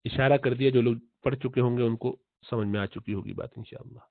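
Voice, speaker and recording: A man's voice: mid-range voice, steady tone, vocal fry, no room sound. Man teaching Quran pronunciation over tinny audio. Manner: explains slowly, repeats letter sounds, drawn-out chanted recitation. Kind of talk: tajweed lesson in Urdu. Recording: tinny phone-like audio, dry.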